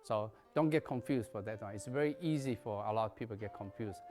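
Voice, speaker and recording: A man's voice: fairly low pitch, brisk, a little mellow, faint music behind. A man, a native Chinese speaker, teaching a qigong lesson in emphatic, non-native English that drops articles and verbs. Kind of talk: lecture.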